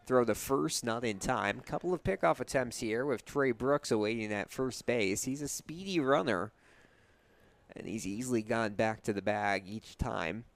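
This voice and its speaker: The young announcer doing this live radio play-by-play has a medium-pitched voice with vocal fry at normal speed. He describes the action in a clipped, descriptive style.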